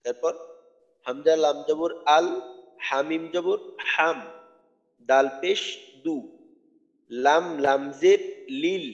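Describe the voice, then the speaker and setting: A man teaching Quran recitation, patiently spelling out letters and drawing out words slowly. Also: a little high, creaky. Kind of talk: tajweed lesson. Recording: dull audio with long hall reverb.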